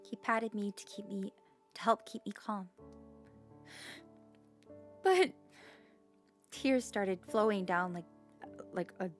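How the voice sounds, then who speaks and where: A woman's voice: medium pitch, slow pace, pauses often, faint music behind. A woman streamer reading the text of a story game aloud, stumbling over unfamiliar words with light asides.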